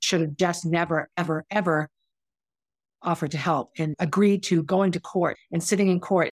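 A woman's voice: fairly low pitch, no room sound. A middle-aged woman telling her own story in a candid, emotional and frustrated way, as a podcast host. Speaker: podcast host, former teacher. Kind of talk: personal storytelling monologue.

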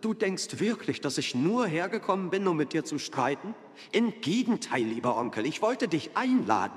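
An actor playing a cheerful, warm-hearted young nephew in a musical audio drama, friendly and good-humoured, singing and speaking. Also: male voice, a little high, big pitch swings, moderate pace, big-room sound. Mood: friendly, pleading.

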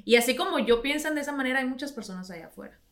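A woman's voice: high voice, lively intonation, very fast. A woman interviewing a guest in a casual chat, encouraging and supportive.

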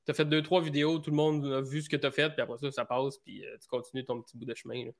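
A man with a Québécois accent, a podcast guest talking in a relaxed, hesitant way with plenty of fillers. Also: medium pitch, quick pace, creaky. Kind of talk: casual interview chat.

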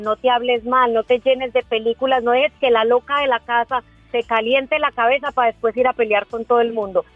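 Woman expert guest, clear and instructive, phone-line sound, dry. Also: fairly high pitch, dry recording. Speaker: guest expert in emotional control. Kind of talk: conversational advice on a podcast.

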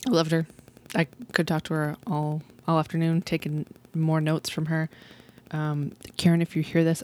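This woman hosts a podcast with a notably low voice, chatty and bubbly as she talks. She laughs easily and keeps things relaxed and casual. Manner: chatty and enthusiastic, laughs often. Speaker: podcast host.

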